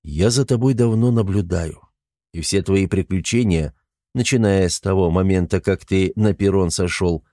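A graying crime boss in his fifties, read by a male narrator, with a velvety, polished announcer's voice that sits low and warm. He speaks unhurried and measured, calm with a quiet menace behind every line. The audiobook sound is close and dry. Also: no room sound, close to an everyday voice. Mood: calm, knowing. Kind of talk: audiobook character voice.

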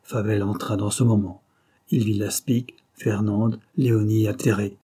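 A man reading a classic novel aloud as an audiobook narrator, with scripted narration at a measured, even pace. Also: lowish voice, slightly rough.

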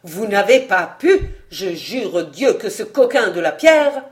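A reader voicing a furious, scheming male nobleman in an audiobook, shouting and cursing. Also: mid-range voice, unhurried, natural voice. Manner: shouting, blasphemous outbursts. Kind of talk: audiobook character reading.

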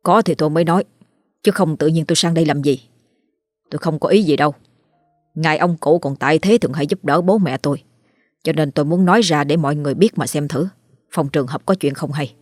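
A woman's voice: low-pitched, quick pace, darkish tone, no echo, studio quality. A woman voicing a frightened middle-aged village husband who stammers when scared. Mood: earnest.

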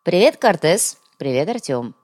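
A woman's voice: on the low side, sing-song, unhurried, darkish tone. A woman voicing a sly, greedy male trader who talks in an ingratiating, chatty way for an audiobook.

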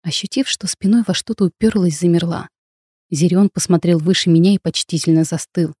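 A woman narrating a fantasy novel in the first person, in a measured, expressive storytelling voice. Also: on the low side, breathy edge, no room sound, clean studio sound. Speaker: audiobook narrator.

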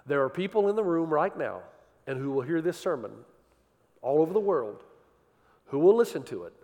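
A man preaches with fervor, pushing hard on key points and then dropping to a hush. His voice sits slightly high for a man. A long reverb trails behind him, as in a large hall. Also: lively intonation, moderate pace. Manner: impassioned, swings from loud emphasis to quiet intensity. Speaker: pastor. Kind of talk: sermon.

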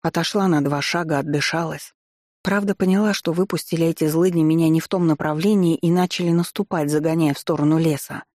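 Wry, expressive audiobook narrator. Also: mid-range voice, fairly quick, no echo, studio quality. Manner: wry and expressive, ironic asides. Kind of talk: first-person fantasy audiobook narration.

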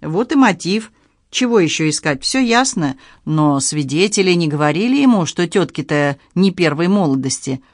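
An audiobook narrator reading a novel in a measured, even storytelling manner. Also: mid-range voice, no echo, clean studio sound. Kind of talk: scripted narration.

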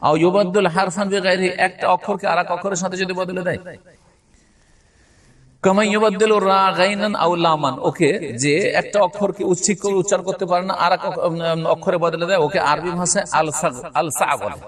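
A man's voice: high-pitched, steady tone, a bit bright. Man teaching from a distance. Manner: explains slowly, checks understanding with frequent rhetorical questions; recites Arabic passages with careful pronunciation. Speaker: religious teacher. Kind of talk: classroom lecture on Islamic law.

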